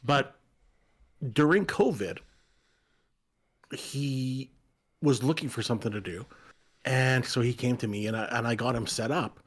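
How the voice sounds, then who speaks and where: A man's voice: mid-range voice, unhurried, long pauses. A man who is a guest on a stream, chatting casually, joking and telling stories about friends. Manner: chatty, jokey, storytelling. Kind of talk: casual chat.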